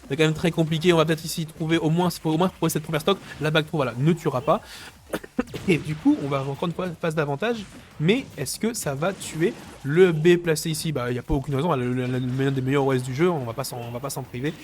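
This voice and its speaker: A man's voice: on the high side, fast talker, a little hiss or hum. A man giving chatty colour analysis of a fighting-game final, with joking asides. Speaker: esports co-commentator. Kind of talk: live esports analysis. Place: esports venue. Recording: faint music underneath. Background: faint music behind the voice.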